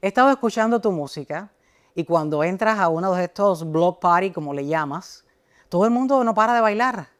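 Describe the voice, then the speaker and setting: A woman's voice: on the low side, expressive, fairly quick. A woman hosting a talk show, interviewing her guests in a conversational way and doing announcer-style sign-offs.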